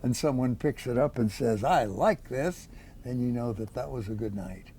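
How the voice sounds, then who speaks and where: A man's voice: medium pitch, a little fast, mellow, slight background noise. A man in his eighties, an author, answering interview questions with rambling, folksy stories full of quoted dialogue. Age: 80s.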